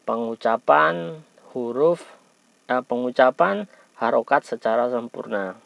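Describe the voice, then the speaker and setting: A lower-voiced man with an Indonesian accent gives an instructional lesson. He over-enunciates each key sound with deliberate care, patiently encouraging the learner. There is noticeable creak in his voice, and the recording is dry and slightly dull. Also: expressive, no echo. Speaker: Quran recitation teacher.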